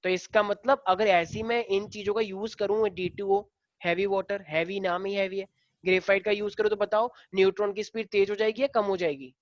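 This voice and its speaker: A man's voice: sits high, flat delivery, normal speed, dry recording, muffled recording. A male teacher lecturing a class in a casual way, explaining step by step and firing questions at the students.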